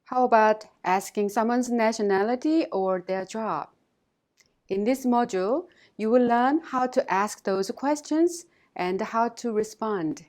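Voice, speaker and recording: A woman teacher giving a scripted language lesson in a measured, instructive way, pausing to model phrases for listeners to repeat. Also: on the high side, darkish tone.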